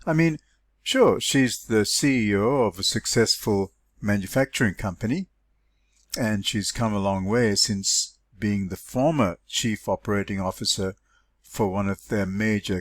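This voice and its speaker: A man's voice: lowish voice, measured pace, no echo. A man reading aloud the part of a puzzled, sceptical business colleague, conversational and questioning. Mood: sceptical, musing. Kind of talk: story dialogue read aloud.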